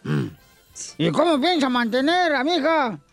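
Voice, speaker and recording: Guy cracking jokes on the radio, high voice that jumps all over, yelling out the funny bits. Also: moderate pace, no echo, soft background music. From Michoacán, Mexico. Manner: animated, puts on shouted voices for joke characters. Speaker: radio show co-host. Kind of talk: telling jokes on a morning radio show.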